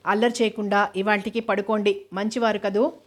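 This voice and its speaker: A woman reading the lines of a shy, affectionate young wife in a storybook, bashful and gently scolding. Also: medium pitch, flat delivery, brisk, close to an everyday voice.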